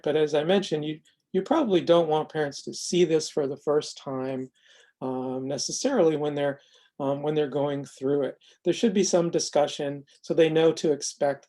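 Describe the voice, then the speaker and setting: The speaker is an American man, voice a little high, walking through a software tool without a script. His explanation comes out measured and halting, broken by frequent pauses.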